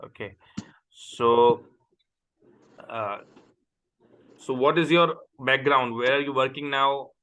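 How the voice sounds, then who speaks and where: A Pakistani man, a native Urdu speaker, works as an accounting tutor interviewing a student over a video call, patiently repeating questions slowly. His voice is mid-range, bright and forceful, and the call audio is noisy.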